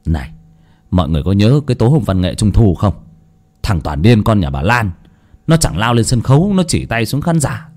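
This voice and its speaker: A man's voice: on the low side, big pitch swings, darkish tone. A man doing a chatty superstitious villager. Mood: gossiping. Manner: gossipy, hurried, insistent. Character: chatty superstitious fifty-year-old villager.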